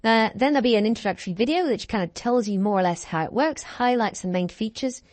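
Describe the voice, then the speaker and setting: A woman's voice: a little high, fast, a little mellow, no room sound. Upbeat woman teaching an online course. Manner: upbeat, reassuring, walks through steps. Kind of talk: screen-share tutorial narration.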